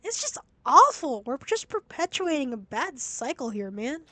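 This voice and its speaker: A woman's voice: high-pitched, very animated, moderate pace, sharp tone. A young woman streaming a game, talking in a blunt, sweary, exasperated way as she reacts. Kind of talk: casual game-stream commentary. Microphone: laptop stream mic.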